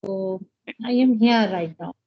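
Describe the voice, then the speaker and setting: A homemaker whose first language is Hindi practises casual English conversation, speaking hesitantly with many fillers and restarts. Her voice is mid-range and unhurried, heard through muffled call audio.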